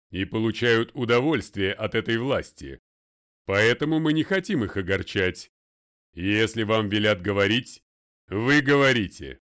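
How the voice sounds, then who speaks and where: Brief: man voicing a booming, commanding older lawyer, deliberate, smooth and resonant tone. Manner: loud, commanding, slow and deliberate. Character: stern, domineering older male lawyer, a father. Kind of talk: audiobook character voice.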